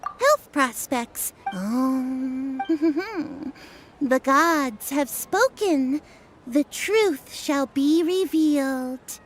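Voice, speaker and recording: A theatrical mystic fortune teller for a video game. She intones very slowly and pompously in a high voice, as if delivering divine pronouncements. Faint music plays behind her. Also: expressive, full character voice. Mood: portentous, mystical. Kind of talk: scripted video game voice acting.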